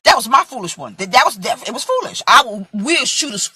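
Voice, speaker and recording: A woman's voice: on the high side, very animated, quick pace, bright, forceful tone, breathy edge, dry recording. A woman in her forties from Brooklyn, preaching in an impassioned, emphatic way and acting out voices in a vlog sermon. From Brooklyn, USA. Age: 40s.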